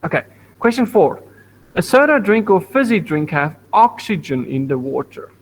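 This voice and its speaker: A man's voice: high-pitched, very animated, moderate pace, a little hiss or hum, low-quality recording. A man teaching a science lesson to a primary school class over an online video call, patient, repeating points and asking the class questions. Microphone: computer mic on video call.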